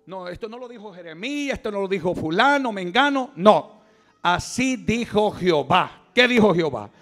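A man's voice: high-pitched, lively intonation, moderate pace, fairly bright tone, faint music behind. A man preaching an impassioned Pentecostal sermon as pastor at a church service, calling out to the congregation.

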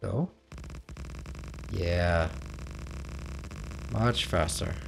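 Over music, a Danish streamer speaks very slowly in a low, gravelly voice. He chats casually with a Danish accent, responding to chat while playing on his game livestream.

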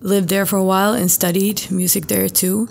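A young woman from southern Sweden with a Swedish accent, a podcast guest talking casually with relaxed hesitations, on a studio microphone. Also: medium pitch, normal speed, gravelly. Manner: relaxed, hesitant with many fillers. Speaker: guest musician. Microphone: studio condenser mic on boom arm.

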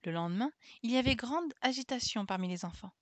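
Woman reading a kids' classic out loud on stream, calm steady, dry close mic. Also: on the high side, quick pace, no echo. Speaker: streamer reading an audiobook aloud. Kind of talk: reading a classic children's novel aloud.

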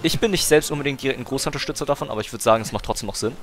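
Talking over interruptions, a young gaming streamer argues his case in slangy, casual chat. His mid-range voice races along with music playing in the background.

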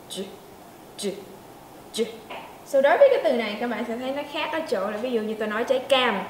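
High-voiced woman teaching pronunciation, echoey. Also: slight background noise. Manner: demonstrates sounds slowly, asks learners to check in. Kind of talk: pronunciation lesson. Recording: echoey room with faint ambience.

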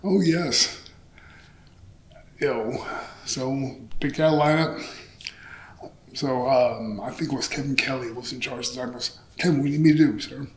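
Seated on a couch in a small indoor interview set, a middle-aged man who wrestles professionally spins animated, casual stories. His medium-pitched voice moves at a normal speed with frequent pauses, and he's frank and foul-mouthed, performing bits of dialogue. There's a spacious echo on the audio.

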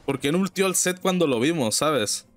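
A young man with a Mexican accent gives casual, slang-filled commentary over his own gameplay, breaking into sudden high exclamations and griping about teammates. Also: lively intonation, normal speed, soft background music. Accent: Mexican Spanish. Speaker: gaming streamer.

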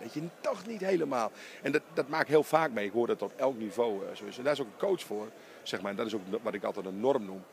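Speaking into a handheld mic held close, a middle-aged basketball coach gives a post-game interview in an empty arena. His creaky, mid-range voice is animated and emphatic, coming out in quick bursts.

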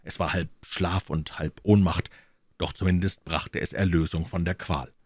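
A man reading a detective story aloud in a measured storytelling manner. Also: deep voice, steady tone, dry recording, studio quality. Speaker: audiobook narrator. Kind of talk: dramatic audiobook reading.

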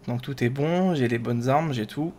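A male gaming host gives casual running commentary in a medium-pitched voice. He chats away as if thinking aloud to himself. There is light background noise behind him. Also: moderate pace, a little mellow. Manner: chatty, talking to himself.

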